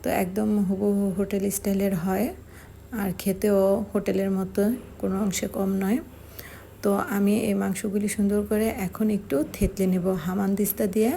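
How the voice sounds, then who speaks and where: Gravelly woman explaining a home recipe. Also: mid-range voice, level tone, warm tone, a little hiss or hum. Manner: slow, step-by-step explaining with fillers. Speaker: cooking channel host. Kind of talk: home cooking tutorial narration.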